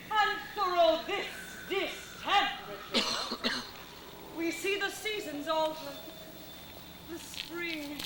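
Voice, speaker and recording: Hammy, high-pitched fairy queen. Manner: hammy theatrical projection, drawn-out declaiming. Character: proud, jealous fairy queen, scornful and grand. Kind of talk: outdoor stage performance of Shakespeare. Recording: echoey, noisy distant outdoor theatre recording.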